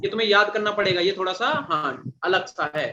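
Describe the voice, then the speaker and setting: A high-voiced male teacher gives a chemistry lecture, quizzing the class and repeating himself while calling students "beta." His brisk delivery sounds pushed and bright, captured in a dull lo-fi classroom recording with slight background noise.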